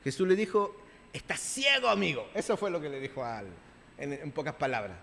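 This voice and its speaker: This pastor talks fast in a high, sing-song voice with a Chilean accent, and there's a little hiss or hum on the recording along with the long reverb of a church hall. He engages his congregation conversationally, often checking in and performing biblical dialogue in playful voices.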